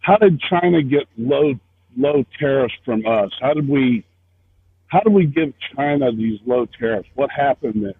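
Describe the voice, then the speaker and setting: A man's voice: medium pitch, lively intonation, a little slow, breathy edge. Muffled man, as if through a wall. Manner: persistent questioning. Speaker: caller on a livestream. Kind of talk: casual call-in chat. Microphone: headset. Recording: muffled lo-fi phone-like line.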